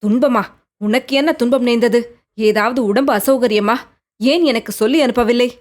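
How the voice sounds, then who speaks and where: A woman voicing a gentle young prince who coaxes and pleads with the woman he loves in an audiobook. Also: on the high side, normal speed, lightly acted. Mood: tender. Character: young prince, tender, coaxing, devoted lover. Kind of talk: audiobook character reading.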